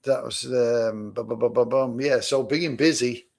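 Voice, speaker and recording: A man's voice: medium pitch, steady tone, a little slow, gravelly, darkish tone. A man co-hosting a casual podcast chat, asking easygoing rhetorical questions. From Manchester, England. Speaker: co-host, business owner.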